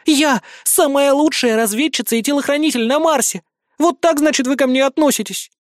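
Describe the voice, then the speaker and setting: A man voicing a proud, hysterical female warrior goddess who shouts in indignation, in an audiobook. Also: very high voice, brisk, no room sound, clean studio sound, pitched above the performer's own voice. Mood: indignant. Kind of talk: audiobook character voice.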